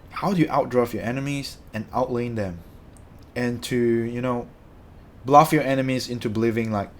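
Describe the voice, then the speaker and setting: A faint hiss or hum runs under this clip of a young streamer from Malaysia replying to his chat. His voice sits at medium pitch, and he rambles casually, stopping to correct himself.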